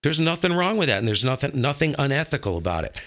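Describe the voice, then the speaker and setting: The host of a ham radio show, an American man from the northern United States, talks fast in a sing-song, medium-pitched, slightly bright voice. He chats casually about radio operating, giving emphatic opinions and repeating points for stress.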